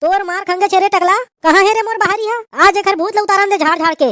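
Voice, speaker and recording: A sharp-tongued cartoon village mother with a Chhattisgarhi accent , as a woman voices her. She hurls threats and insults in a piercing, very high voice. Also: brisk, background noise. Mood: angry scolding. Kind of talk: cartoon voice acting.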